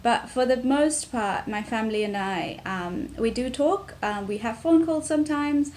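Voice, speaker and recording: A young woman from Tanzania, talking to camera about her family in a reflective way, with many pauses and restarts. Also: a little high, animated, darkish tone. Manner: reflective, frequent ums and restarts. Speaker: vlogger. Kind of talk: personal talk to camera.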